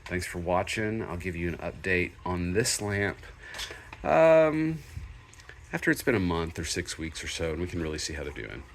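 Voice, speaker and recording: A man's voice: deep voice, big pitch swings, moderate pace, slight background noise. A man, a fish hobbyist, chatting casually through a first look at some lights in a room at home, rambling easygoing with fillers and corrections, into a handheld camera. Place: home room with fish tubs under a shelf.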